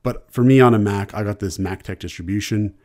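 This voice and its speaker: Low, mellow Canadian man lecturing. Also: fairly quick. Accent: Canadian English. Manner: relaxed, conversational explaining with repeated restarts. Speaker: university instructor. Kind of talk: screencast lecture.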